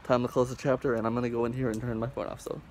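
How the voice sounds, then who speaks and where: A young man reviewing music in a rambling vlog, speaking loudly and emphatically through a face mask that muffles his words, recorded on a phone outdoors. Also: mid-range voice, flat delivery, very fast, a little hiss or hum. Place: outdoors in a parking lot. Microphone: phone held close at arm's length.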